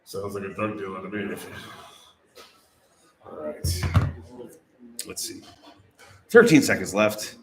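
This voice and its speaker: A man's voice: low voice, animated, slow pace, long pauses, fairly bright tone. A man hosting live bar trivia, reading out questions, cracking jokes and swearing freely. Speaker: trivia host.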